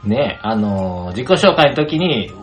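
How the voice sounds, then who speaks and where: A man's voice: medium pitch, very animated, slow pace, soft background music. A man with a Kansai accent teasing his friends in a casual video-call chat. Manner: teasing, banters in Kansai style. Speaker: podcast co-host.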